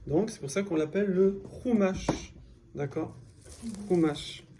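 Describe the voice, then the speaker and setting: In a classroom lesson with background noise, a man whose voice sits high and moves a little slowly teaches beginner Hebrew in French. He checks with his students as he goes, asking "d'accord?", while patiently explaining and repeating key words.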